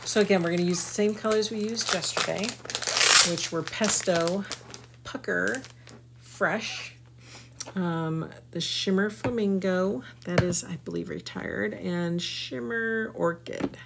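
A woman's voice: medium pitch, slow pace, vocal fry, background noise. A woman giving a chatty, folksy live craft tutorial and talking to her viewers as she works. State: hiccuping. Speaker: craft demonstrator.

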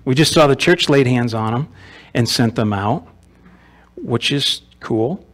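Guy pastor giving a sunday sermon, chatty and casual, keeps asking the room questions, medium voice. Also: mid-range voice. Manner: conversational, asks rhetorical questions, repeats words. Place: church sanctuary.

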